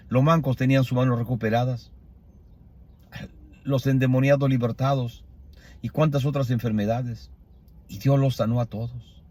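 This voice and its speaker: A man preaching a sermon, telling a personal testimony in an emotional, soft and intimate way. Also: mid-range voice.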